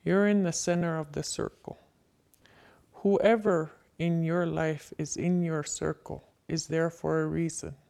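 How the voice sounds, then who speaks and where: An older woman giving slow, reflective personal testimony as an interviewee, her voice disguised by pitching it down so it sounds like a man. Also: steady tone, vocal fry, warm tone.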